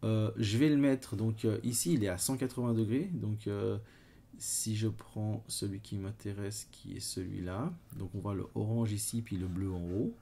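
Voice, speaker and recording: A man's voice: on the low side, fairly even intonation, normal speed, creaky, warm tone. A man with a Swiss French accent explaining photo retouching step by step, hesitant and full of fillers as he works. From Switzerland. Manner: hesitant, many fillers, talks while working. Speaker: photo editing tutor. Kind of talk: screen-recorded software tutorial.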